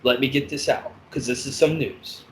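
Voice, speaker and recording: A man on a podcast telling stories of his years as a corrections officer, in a blunt, profane, animated way. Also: mid-range voice, normal speed, slight background noise, poor audio. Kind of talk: casual storytelling chat.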